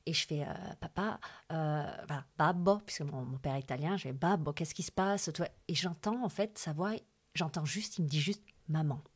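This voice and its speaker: Young woman guest from the alps, low-ish voice, rambling and heartfelt storyteller. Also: normal speed, slightly rough. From France, Hautes-Alpes. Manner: chatty and lively, with many fillers and asides to the host. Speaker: guest telling her life story. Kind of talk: casual emotional storytelling.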